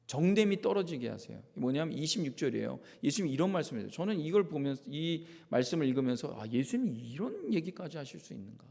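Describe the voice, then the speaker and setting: A male pastor delivers a Sunday sermon in a slightly high, gravelly voice that swoops widely as he dramatizes each point. His emphatic preaching rings out with a long reverb from the church sanctuary. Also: big pitch swings, fast talker, few pauses, dark tone. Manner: emphatic, dramatic preaching that acts out the people he quotes.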